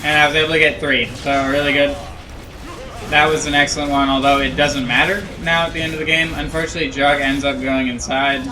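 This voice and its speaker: A man's voice: fairly high pitch, level tone, brisk. A young man giving casual, self-critical commentary over his own match footage, rambling with lots of ums and likes, drowsy and yawning. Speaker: gameplay analyst.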